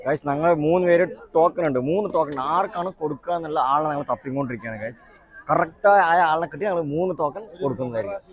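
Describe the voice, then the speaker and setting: A man's voice: on the high side, rapid-fire, highs cut off. A young man with a Kerala accent doing casual vlog chat in Malayalam mixed with English words, often repeating himself. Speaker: vlogger. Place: outdoors at a festival.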